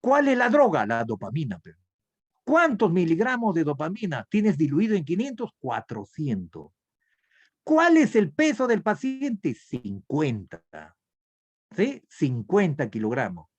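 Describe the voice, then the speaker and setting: Slow, lively Peruvian teacher on a video call. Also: male voice, on the high side, slightly rough, muffled recording. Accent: Peruvian Spanish. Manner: asks questions and answers them himself, step by step. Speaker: nursing instructor. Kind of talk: online class lecture.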